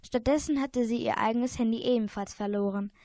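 A woman's voice: fairly high pitch, brisk, warm tone, no room sound. A young female narrator reading a youth radio play steadily, with small slips now and then.

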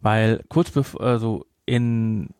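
A man with a German accent talks casually as a podcast co-host in a relaxed film discussion, rambling through his explanations and often correcting himself. His voice sits on the low side with a darkish, clean tone, and he takes his time. The studio-quality recording has no room sound.

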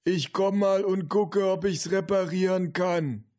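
Ein Mann liest ein Hörbuch und spricht einen alten Opa, der langsam aus einem anderen Zimmer ruft. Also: male voice, high voice, measured pace, dark tone, pitched above the performer's own voice. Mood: rufend. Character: alter Opa, ruft aus dem Gästezimmer.

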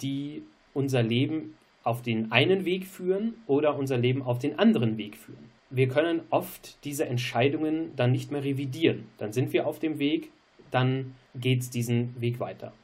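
A man's voice: mid-range voice, normal speed, darkish tone. A man co-hosting a podcast, explaining theology in an earnest way and repeating his key phrases. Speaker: podcast co-host. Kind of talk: theological discussion.

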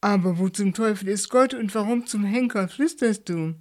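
A woman's voice: medium pitch, moderate pace, voice pushed up, close to an everyday voice. A woman voicing a skeptical male journalist who mocks his friend with exasperation, in a German audiobook story. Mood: exasperated. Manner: mocking, exasperated.

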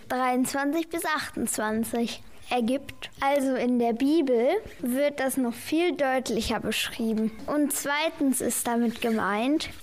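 In a children's audio play, a woman with a high-pitched voice plays a patient guardian angel who explains things in a measured way.

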